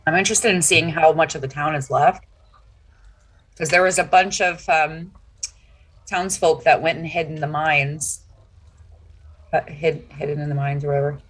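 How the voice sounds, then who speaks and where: Husky, chatty woman player. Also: deep voice, steady tone, normal speed, pauses often. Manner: chatty, rambling with many fillers. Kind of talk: casual chat at a tabletop game.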